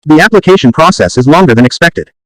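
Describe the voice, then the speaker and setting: A man's voice: on the high side, expressive, fast talker, a bit bright, dry recording, low-quality recording. A man dictating standalone practice sentences, reading them aloud for an English test.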